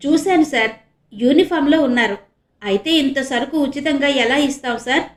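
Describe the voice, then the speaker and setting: A woman's voice: high-pitched, moderate pace, close to an everyday voice. A woman voicing an anxious older male shopkeeper in a storybook reading, polite and pleading. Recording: echoey room.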